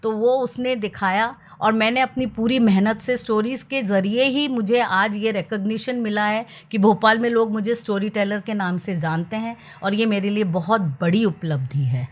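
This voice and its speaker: A woman's voice: medium pitch, normal speed, few pauses. A woman storyteller answering interview questions in an earnest, teacher-like way. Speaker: storyteller, guest.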